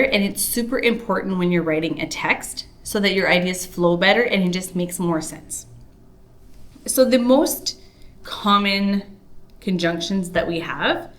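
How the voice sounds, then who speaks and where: Canadian woman teacher, slow and deliberate, spelling out examples for learners. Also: fairly low pitch. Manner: slow, careful pronunciation of example sentences. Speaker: French teacher. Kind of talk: spoken language lesson.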